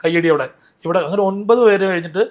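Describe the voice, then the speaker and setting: Fast-talking, high-voiced man. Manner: animated, rambling with restarts. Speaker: interview guest, mimicry artist. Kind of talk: casual interview storytelling.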